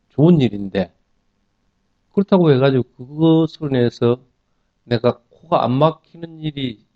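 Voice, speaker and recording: In this medium-pitched voice, a man teaches through a dharma talk, posing questions to his audience and then answering them instructively. The sermon explains with everyday examples, and the audio has no echo but its highs are cut off.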